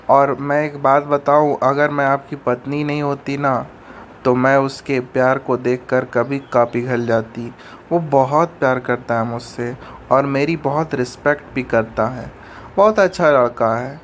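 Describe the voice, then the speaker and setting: A man's voice: medium pitch, steady tone, measured pace, slight background noise, close to an everyday voice. [name], a man voicing a soothing young wife. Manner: soothing, pleading. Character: gentle devoted young wife. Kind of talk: animated story voice-over.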